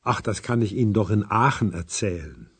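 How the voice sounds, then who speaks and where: A husky, hard-of-hearing older doctor. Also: male voice, on the low side, expressive, takes it slowly, heavily acted. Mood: friendly. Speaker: language course dialogue actor. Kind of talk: scripted radio language-lesson dialogue.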